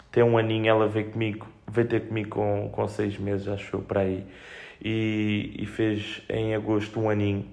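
Low-voiced young Portuguese man, casual and slangy. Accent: European Portuguese. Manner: slangy, sweary, joking. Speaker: podcast host. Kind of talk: casual solo chat, rambling anecdotes.

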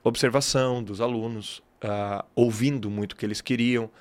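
A man's voice: mid-range voice, fairly even intonation, normal speed. A man, an English teacher, talking as a guest in a casual podcast conversation, explaining emphatically with lots of slang.

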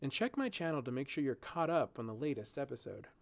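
A man narrating a fantasy story as an audiobook with an expressive, lively reading; he also hosts his own channel. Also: medium pitch, fast talker, vocal fry.

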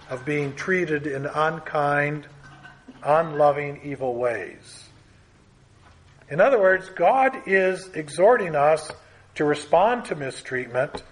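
Male preacher, slightly high voice, emphatic and earnest Bible teaching. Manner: earnest, emphatic, with lists and rising stresses.

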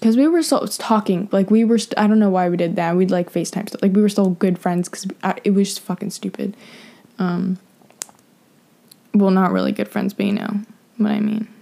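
A young woman talks casually and frankly on her podcast, swearing often and wandering through her thoughts. Her voice is mellow and dark, with a gravelly, creaky texture. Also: medium pitch, steady tone, normal speed. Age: young adult. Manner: frank, profane, rambling with many fillers. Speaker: podcast host. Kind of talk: casual advice monologue.

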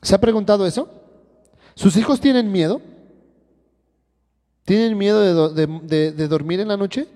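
High-voiced man preaching in a reverberant hall. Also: normal speed, pauses often, warm tone. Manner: fires rhetorical questions at the congregation. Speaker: church teacher. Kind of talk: sermon. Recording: long reverb of a church hall.

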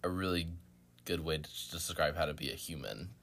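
A man co-hosting a sports podcast, talking informally and a bit haltingly, with "like" dropped in often. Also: rumbling low, gravelly, a crowd in the background. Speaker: podcast co-host. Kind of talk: casual sports podcast chat.

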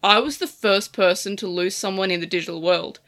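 A woman's voice: medium pitch, fairly quick, fairly bright tone, pitched below the performer's own voice, lightly acted. A woman voicing a meticulous male team leader, steely but pained, speaking steadily. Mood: sombre.

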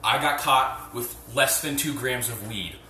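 A man's voice: medium pitch, unhurried, bright, forceful tone, recorded from a distance, a little hiss or hum. A man hosting a podcast on his phone while doing chores at home, ranting bluntly and profanely with lots of fillers, his voice echoing around the room. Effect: echoey room sound. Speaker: podcast host. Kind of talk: casual rambling rant. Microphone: phone without headset. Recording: echoey room, phone held away.

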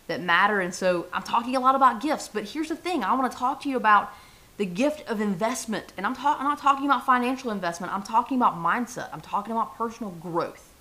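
A woman's voice: medium pitch, pushed and bright. A woman hosting her own podcast, talking straight to her listeners in an upbeat, chatty way about leadership and life. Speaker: podcast host. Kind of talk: solo motivational podcast talk.

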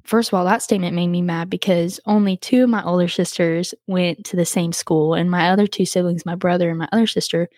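A young adult woman hosting a podcast, telling a personal story in a casual, chatty way with lots of "like" fillers and lively jumps in pitch when she quotes others. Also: a little fast, hardly any pauses, no echo, studio quality. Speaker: podcast host.

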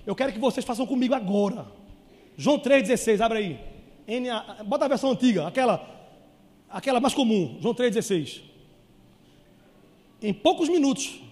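A man with a Brazilian Portuguese accent preaching a sermon, acting out conversations with call-and-response and shouted peaks. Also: very high-pitched, long reverb tail. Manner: call-and-response, repeatedly asking "amém ou não amém?".

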